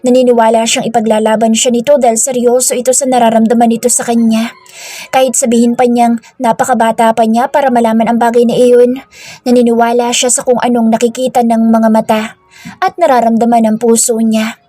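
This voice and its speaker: A woman narrating a romance story in a steady, scripted storytelling read. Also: fairly high pitch, brisk, dry recording. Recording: dry with faint background music.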